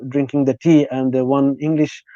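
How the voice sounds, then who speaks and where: A man from Bangladesh, hosting an interview in a halting way, with many fillers and restarts. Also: medium pitch, little pitch movement, warm tone, dry recording. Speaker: host. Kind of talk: casual interview chat. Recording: dry, slightly muffled audio.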